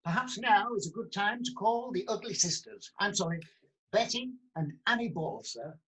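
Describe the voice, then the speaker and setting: Formal prosecutor, played by an actor, really lively up-and-down delivery. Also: mid-range voice, moderate pace, lightly acted, poor audio. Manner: formal, prompting questions.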